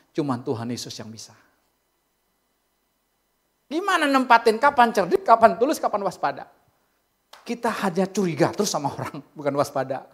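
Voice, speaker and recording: Animated, joking preacher. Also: medium pitch. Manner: animated, humorous, acts out quoted speakers; casual colloquial asides to the congregation. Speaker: pastor. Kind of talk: sermon. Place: church.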